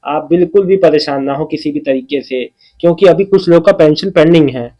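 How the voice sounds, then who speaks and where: High-voiced man reassuring his viewers. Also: fairly quick, mellow, highs cut off. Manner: reassuring, repeats "okay" often, addresses viewers by name. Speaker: channel host answering viewer comments. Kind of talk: casual talk reading out and replying to comments.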